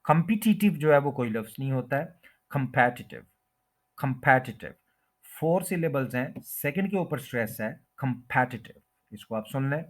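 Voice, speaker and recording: A man teaching English word pronunciation, who repeats each word slowly and draws out the stressed syllable. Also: fairly high pitch, lively intonation, darkish tone. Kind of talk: pronunciation lesson explained in Hindi-Urdu.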